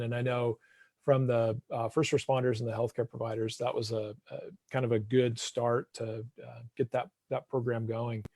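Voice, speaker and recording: Male host, relaxed and dry-sounding, friendly casual chat, reading viewer questions. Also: mid-range voice, dry recording. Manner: friendly, thanks guests, reads audience questions. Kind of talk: casual video call chat. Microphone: video call.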